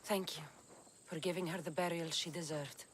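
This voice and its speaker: A woman's voice: fairly low pitch, steady tone, normal speed, a little hiss or hum, close to an everyday voice. An actress playing a battle-worn, loyal female mercenary in a video game, speaking tersely and sincerely. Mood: mournful. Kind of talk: dramatic game cutscene dialogue.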